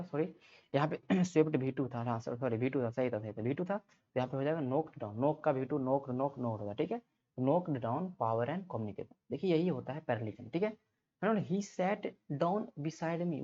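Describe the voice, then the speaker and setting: Man, teacher, exam-prep grammar lesson, asks and answers himself, warm tone, dull recording. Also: medium pitch, a little fast. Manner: explains step by step, repeats questions and answers them himself. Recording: slightly muffled lo-fi audio.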